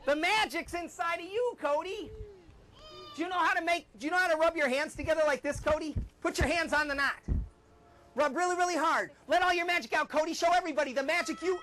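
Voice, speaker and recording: A man's voice: extremely high pitch, fast talker, sharp tone, a little hiss or hum, low-quality recording. A man performing as a children's party magician, with playful patter, coaxing a young helper and announcing like an exaggerated showman.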